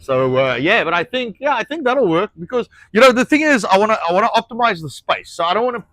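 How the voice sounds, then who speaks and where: A South African ranch owner and show host, whose first language is Afrikaans and who speaks with an Afrikaans accent, talks casually outdoors about a ranch project. His voice is high, very animated, fast, and a bit bright, with no echo. He often gropes for words with fillers and restarts and swears now and then.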